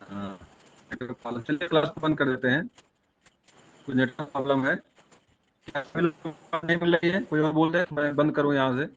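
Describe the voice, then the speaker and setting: A man's voice: fairly high pitch, normal speed, pauses often, a bit bright. A male teacher giving an online class whose voice breaks up over choppy call audio. He explains step by step and asks his students questions. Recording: muffled lo-fi call audio with faint hiss.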